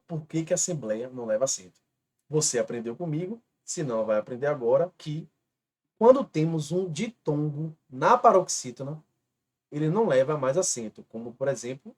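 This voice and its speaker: A man's voice: medium pitch, a little mellow. A man with a Brazilian Portuguese accent teaching an online grammar lesson, patiently spelling out rules step by step. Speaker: exam-prep teacher.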